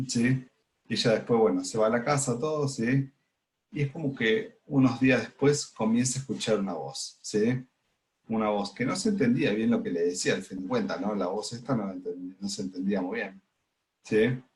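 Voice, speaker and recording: Low-voiced Argentine man teaching casually. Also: a little mellow. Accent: Argentine Spanish. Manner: explains with frequent "¿sí?" check-ins and "digamos" fillers. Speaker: spiritual study group leader. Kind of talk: informal spiritual lesson.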